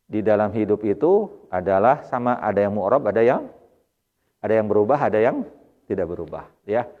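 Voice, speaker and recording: A man with a Sundanese accent teaching an Arabic grammar lesson at a mosque study circle, explaining patiently and repeating Arabic words with stress. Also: mid-range voice. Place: mosque hall. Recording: dull lo-fi recording with hall reverb.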